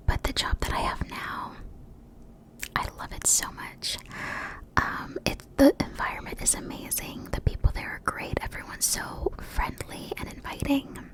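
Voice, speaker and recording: A woman's voice: a bit bright, poor audio. Whispering young American woman, ASMR ramble. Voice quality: breathy whisper. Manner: rambling, repeats words slowly. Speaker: ASMR creator. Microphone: close mic for cupped whispering.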